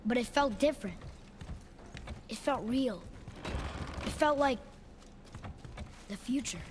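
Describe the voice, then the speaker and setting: A high, expressive voice plays an earnest young boy in a dramatic video game. He sounds like a troubled, sincere son. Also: slow pace, noisy background, exaggerated voice. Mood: uneasy.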